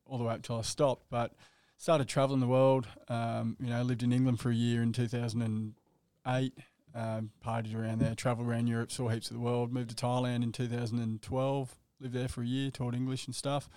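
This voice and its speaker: A man's voice: medium pitch, level tone, a little fast, few pauses, warm tone, smooth, dry recording. An Australian man in his thirties, telling his own story casually in a laconic, matter-of-fact way. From Australia, Western Sydney and the Gold Coast. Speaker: podcast guest, endurance athlete.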